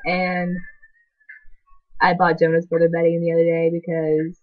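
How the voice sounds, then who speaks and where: In a casual talking-to-camera vlog, a half-Chilean, half-American teen whose first language is Spanish introduces herself as the channel's co-host. Her fairly low voice is completely flat at normal speed, yet she rambles chattily, peppering everything with "like." Audio is lo-fi.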